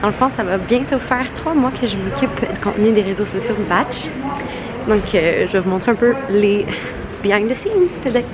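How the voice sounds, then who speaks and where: Young woman, Québécois French accent, casual vlog chatter, English words thrown in, mid pitch. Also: animated, moderate pace, noisy background. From Quebec. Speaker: vlogger.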